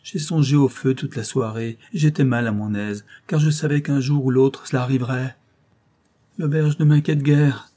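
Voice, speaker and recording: A man's voice: medium pitch, moderate pace, warm tone, husky, natural voice. A man voicing a terrified young female servant who pleads and sobs in broken outcries, reading a classic novel aloud. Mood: panicked. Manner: sobbing, beseeching, breathless outcries.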